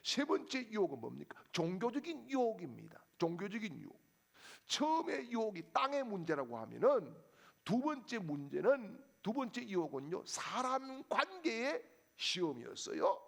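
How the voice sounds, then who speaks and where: Animated, gravelly-voiced male preacher. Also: high voice, normal speed. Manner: animated, rhetorical questions to the congregation. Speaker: pastor. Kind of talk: sermon.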